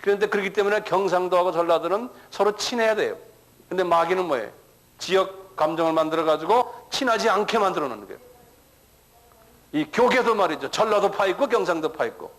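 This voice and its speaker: A man's voice: sits high, brisk, a bit bright, rough recording. A middle-aged male pastor giving a sermon-style lecture, who keeps checking with the audience and repeats words as he starts a thought.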